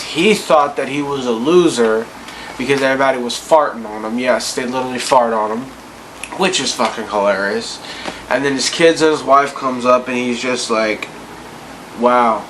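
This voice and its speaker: A man's voice: medium pitch, background noise. A drunk man giving a casual, rambling, profane rant about movies in a loose, incredulous way. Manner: tipsy, loose, incredulous ranting. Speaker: vlogger ranting about bad movies.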